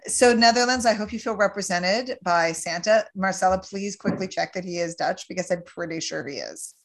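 A Canadian woman in her forties chatting casually as a podcast host, jokey and quick to recap a film plot. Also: mid-range voice. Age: 40s. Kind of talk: casual chat.

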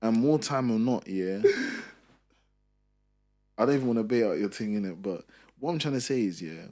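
A man's voice: fairly low pitch, animated, normal speed, dark tone. A young man with a London roadman accent chatting casually in street slang, repeating his points with emphasis.

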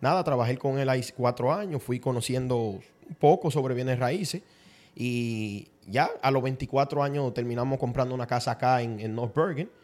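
A man's voice: mid-range voice, normal speed. A young man, a podcast guest chatting about his start in real estate. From Dominican Republic. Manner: relaxed, chatty, many restarts and fillers like sabes. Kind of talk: casual podcast chat.

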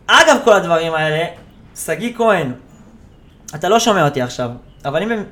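A man's voice: fairly high pitch, expressive, sharp tone. A man hosting a solo podcast, ranting casually and animatedly about football, with many hesitations and fillers. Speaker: podcast host.

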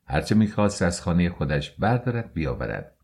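A man narrating an audiobook novel in a measured, unhurried storytelling manner. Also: sits low, big pitch swings, darkish tone, breathy edge. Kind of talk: scripted narration.

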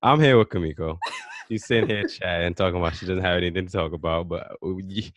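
A man's voice: sits low, quick pace, slight background noise. A man in his twenties hosting a podcast, talking earnestly and often repeating words as he interviews a guest. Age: 20s. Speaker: podcast host. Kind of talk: casual interview.

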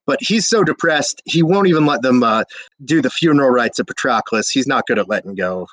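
A man's voice: mid-range voice, expressive, a little fast, fairly bright tone, no echo, low-quality recording. A drunk young man retelling an old epic in a rambling, slangy way, with hiccups and lots of fillers. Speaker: drunk storyteller.

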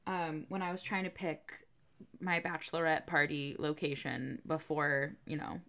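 A woman's voice: low voice, little pitch movement, a little slow, sharp tone. A young woman co-hosting a podcast, telling stories in a chatty way, full of fillers and laughing often. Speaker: podcast co-host. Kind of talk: casual chat.

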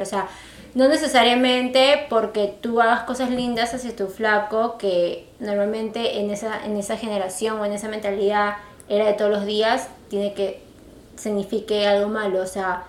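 A woman chats casually as a podcast co-host. She tells stories in a lively, expressive, emphatic way, and her voice sits at an ordinary pitch. The recording has a noticeably echoey room sound. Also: moderate pace. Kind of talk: casual chat.

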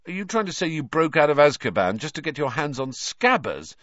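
A man's voice: a little high, very animated, a little fast, a bit bright, no echo, dull audio, voice pushed up. A man voicing a skeptical, shaky teenage boy who protests weakly. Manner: weak, protesting.

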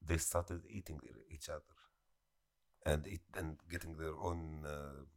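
Very deep-voiced man, rambling storyteller. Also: fairly even intonation, unhurried. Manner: rambling storyteller, chuckling often. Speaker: podcast co-host. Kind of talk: casual podcast chat.

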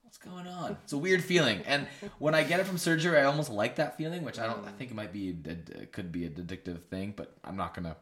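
A man's voice: on the low side, quick pace, hardly any pauses, a bit bright. A young man hosting a podcast, telling a story in a rambling, joking way with lots of fillers. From Canada. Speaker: podcast host. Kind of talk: casual chat.

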